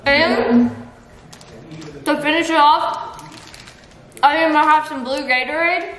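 A woman's voice: high voice, slow pace. A woman vlogger chatting casually to camera, giggly and laughing often, recorded in an echoey room. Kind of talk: casual vlog chat to camera. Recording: echoey room with steady background noise.

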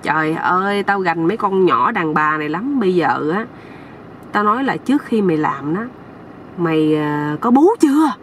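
A woman's voice: lowish voice, lively intonation, moderate pace, far from the mic, a little hiss or hum, natural voice. A woman with a Southern Vietnamese accent voicing a nosy, boastful older village man who lectures a younger man. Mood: lecturing. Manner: bossy, know-it-all lecturing.

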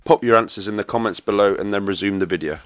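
A man giving a steady, instructive voice-over for a welding tutorial and talking straight to viewers. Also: on the low side, quick pace, no room sound.

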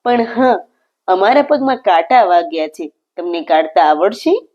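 A woman's voice: lowish voice, expressive, a little slow, lo-fi sound. A woman voicing a playful, hungry divine lord who talks to his devotee in a teasing, affectionate way.

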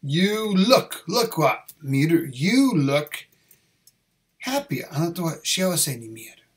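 A man who teaches English, going through test answers and mixing English and Japanese as he repeats phrases slowly. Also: fairly high pitch, sing-song.

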